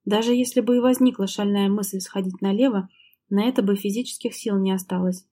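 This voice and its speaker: A woman reads a novel aloud with a steady, even narration. Her voice is mellow and warm, sitting at a middle pitch. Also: fairly quick. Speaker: audiobook narrator. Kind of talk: scripted narration.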